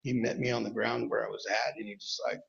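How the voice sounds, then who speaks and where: A man giving a rambling, halting tribute at a memorial recovery meeting, mixing jokes into it. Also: fairly low pitch, level tone, vocal fry, fairly bright tone, breathy edge, muffled recording. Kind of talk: personal tribute speech.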